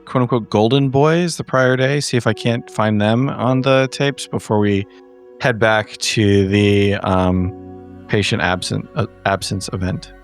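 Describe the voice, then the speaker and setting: A man's voice: lowish voice, fairly even intonation, unhurried, faint music behind. A man playing a tabletop game, talking in character in a matter-of-fact, conversational way. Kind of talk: conversational in-character role-play.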